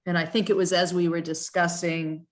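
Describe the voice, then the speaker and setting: Over a video call, a woman on staff leads a town commission's review, reading regulation text aloud and thinking it through with hesitant fillers and restarts. Her voice is lowish and level, at a moderate pace.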